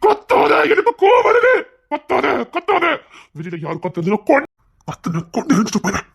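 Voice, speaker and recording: Audio drama: woman voicing a curt, threatening husband, raspy and lively in pitch. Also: fast, exaggerated voice. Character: angry dismissive husband quick to threaten.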